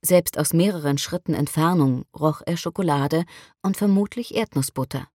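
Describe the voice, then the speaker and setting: Low-voiced woman narrating a novel. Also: normal speed, a little mellow, no room sound, clean studio sound. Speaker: audiobook narrator. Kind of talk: scripted narration.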